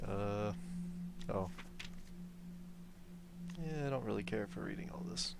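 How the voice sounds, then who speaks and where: A man's voice: fairly low pitch, slow pace, gravelly, heavy background noise. A man giving casual let's play commentary, muttering offhand reactions to himself as he plays. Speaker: gamer playing through a stealth video game.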